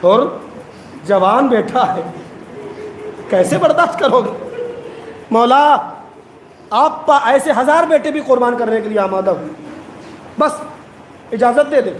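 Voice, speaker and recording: A man's voice: very high voice, animated, long pauses. A man preaching at a mourning gathering, chanting an emotional elegy, sobbing and rising to wails. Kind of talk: chanted Muharram elegy sermon. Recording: echoey hall with faint noise.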